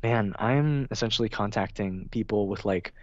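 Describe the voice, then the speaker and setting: A man's voice: lowish voice, moderate pace, darkish tone, no room sound. A young man chats casually as a guest, his talk loose and full of fillers. He livens up when he acts out his own delivery. The recording is dry and slightly dull, like a lo-fi mic. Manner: filler-heavy, says "like" and "you know" often. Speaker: guest, film video essayist. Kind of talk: casual interview chat.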